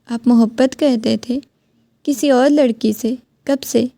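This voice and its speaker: A woman's voice: on the high side, fairly even intonation, gravelly, dark tone, no echo. A woman voicing a heartbroken young wife who keeps pleading with her husband. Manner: pleading, questioning.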